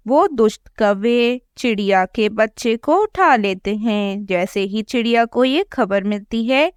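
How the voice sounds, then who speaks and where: A woman narrating a cartoon story slowly and evenly. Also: on the high side, clean tone, no room sound, studio quality. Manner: slow, even storytelling.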